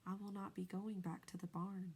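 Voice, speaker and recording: Wise, gentle lady spider read by a woman, soft and measured, storybook. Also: mid-range voice, lively intonation, close to an everyday voice. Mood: calm. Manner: quiet, measured and soothing. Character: wise, gentle female spider, calm and dying.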